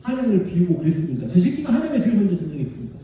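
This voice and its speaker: A man from the Honam region of Korea giving a public history lecture, animated and emphatic, talking directly to the audience in a large civic auditorium. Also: sits high, racing. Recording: distant, very echoey hall sound.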